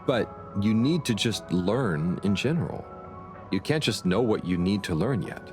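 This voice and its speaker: A kindly, naive grown-up friend in a video game. He sounds mild, earnest and a bit hesitant, with lively rises and falls in pitch. Music is clearly audible underneath. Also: measured pace. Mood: gently concerned. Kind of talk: video game character dialogue. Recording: music behind the voice.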